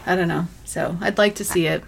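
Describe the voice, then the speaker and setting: A woman's voice: fairly low pitch, a little fast, creaky, husky. A woman co-hosting a casual podcast, speaking uncertainly and trailing off with small laughs. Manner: unsure, trailing off, giggly. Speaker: podcast co-host.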